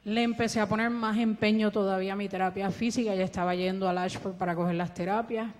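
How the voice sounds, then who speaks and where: A woman's voice: mid-range voice, fairly even intonation, fast. A woman with a Puerto Rican Spanish accent gives an earnest church testimony and speaks with the help of a ventilator, acting out the dialogue as she tells her story. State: breathing with a ventilator. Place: church hall. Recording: long echo of a church hall.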